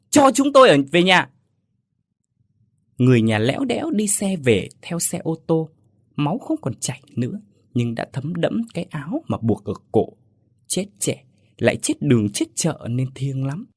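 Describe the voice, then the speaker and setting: A man narrates a ghost story, dramatic and expressive. His voice is husky and swings widely in pitch. The recording is close and dry. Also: moderate pace, no echo.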